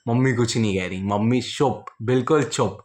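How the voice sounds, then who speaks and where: A young man tells a storytime vlog story in a blunt, slangy, casual way. He speaks directly to his viewers at a middle pitch. His delivery is loose and conversational. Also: normal speed, a little mellow. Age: young adult.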